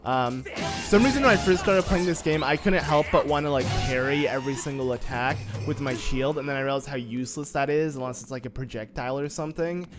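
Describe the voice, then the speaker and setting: Brisk and medium-pitched, a young man with a faint morning rasp jokes his way through a video game in casual let's-play commentary. He fills the gaps with filler words and self-mocking asides as game music plays quietly beneath.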